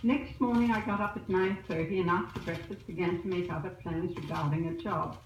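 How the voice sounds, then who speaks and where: A woman's voice: on the low side, fairly quick. Woman, chatty letter to family, old disc recording, crackly hiss, roomy distant sound. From Australia. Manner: chatty, newsy storytelling. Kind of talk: spoken letter to family back home. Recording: noisy echoey old disc recorded from afar.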